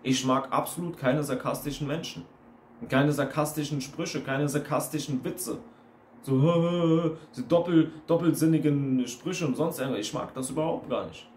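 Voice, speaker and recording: In a casual monologue video, a man who works as an online coach rants bluntly, repeating himself for emphasis. He speaks in a medium-pitched, somewhat mellow voice, and the recording sounds roomy with faint noise.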